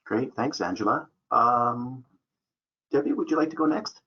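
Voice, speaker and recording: A man hosting an online webinar as a program manager, speaking in a relaxed way with many fillers. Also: mid-range voice, a little slow, a little hiss or hum. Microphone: video call. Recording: dull lo-fi call audio.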